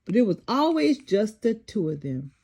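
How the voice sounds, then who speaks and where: An older woman reads a children's story aloud with expressive, storyteller flair. Her voice is husky and medium in pitch, and she keeps a moderate pace.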